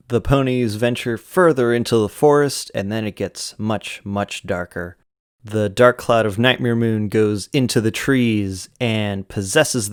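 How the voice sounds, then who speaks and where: A man's voice: fairly low pitch, clean tone, dry recording, studio quality. A man giving scripted recap narration and commentary as host of an episode retrospective.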